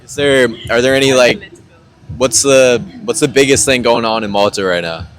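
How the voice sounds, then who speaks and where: A young American man hosting a casual interview, asking questions in a halting way with many restarts. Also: mid-range voice. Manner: halting, full of fillers and restarts. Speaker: host.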